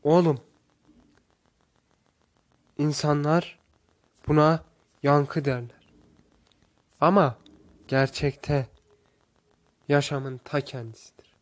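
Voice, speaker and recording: A calm, wise old master teaches his apprentice in a storybook parable, as a man narrator puts him on. He speaks slowly and earnestly, with a slightly raised voice. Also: a little high. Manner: earnest, instructive calling out.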